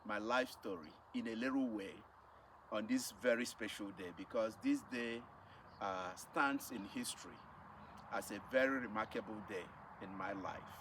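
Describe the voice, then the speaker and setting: A middle-aged man with a Nigerian accent, speaking in a lowish voice at a moderate pace, gives a personal testimony about his missionary life to camera. He is emphatic and repeats phrases for effect. Faint background noise comes through the distant mic.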